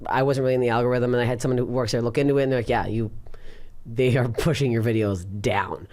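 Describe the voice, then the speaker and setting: A woman's voice: very deep voice, fairly even intonation, fast talker, darkish tone. A woman in her thirties from Canada, a comedian hosting a podcast, chatting loosely and crudely and laughing often. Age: 30s. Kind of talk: casual chat.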